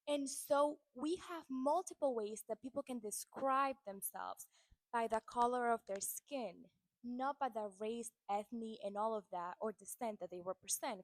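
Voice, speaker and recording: A woman from the Republic, calmly explaining her point of view in a social media monologue. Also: a little high, no room sound. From Dominican Republic. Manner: earnest, measured, explaining. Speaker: content creator.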